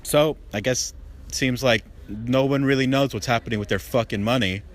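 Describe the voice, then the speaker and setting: A man's voice: medium pitch, normal speed. A man working as a field correspondent, doing casual street interviews and repeating answers back. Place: out on a college campus.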